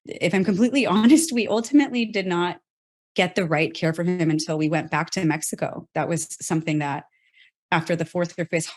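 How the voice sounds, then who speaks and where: Low-voiced woman sharing an earnest story. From South Texas. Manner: earnest, pausing and restarting on hard memories. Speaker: healthtech company co-founder, guest. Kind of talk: candid personal interview.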